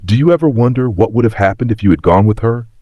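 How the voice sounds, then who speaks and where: A man reads as an earnest young man in a story, gently questioning. The voice is husky and expressive, recorded very dry. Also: on the low side, fast, dry recording, highs cut off, pitched above the performer's own voice. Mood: gently curious. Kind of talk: scripted story reading.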